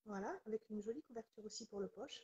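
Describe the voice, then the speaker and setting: A woman in her forties with a southwestern French accent, a guest author chatting on a live stream in a lively, talkative way. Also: medium pitch, fast talker, muffled recording. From southwest France, near Toulouse. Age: 40s. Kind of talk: live-stream interview chat.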